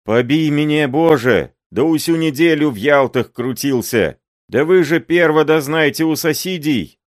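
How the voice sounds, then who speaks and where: A man voicing a beaten old man who wails and pleads for help in a shrill voice, reading a story aloud. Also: a little slow, no echo, studio quality, lightly acted. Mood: desperate wailing.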